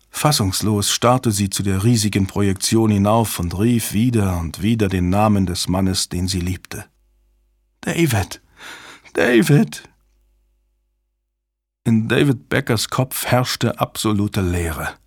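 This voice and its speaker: A man's voice: fairly low pitch, breathy edge, no room sound, clean studio sound. Man narrating a thriller audiobook. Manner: measured, dramatic reading. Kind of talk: scripted narration.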